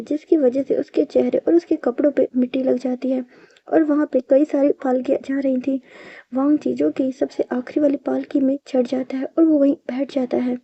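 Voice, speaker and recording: A woman narrating a fan fiction story in a lively way, acting out the characters' dialogue herself. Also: high-pitched, breathy edge, no room sound. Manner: lively, raises voice for quoted lines. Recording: dull lo-fi dry recording.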